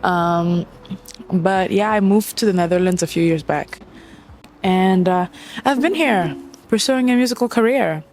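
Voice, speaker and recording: A woman's voice: lowish voice, a little slow, a little mellow, slight background noise. A young woman from Mozambique, a singer-songwriter chatting casually and playfully to camera in a Q&A vlog. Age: young adult.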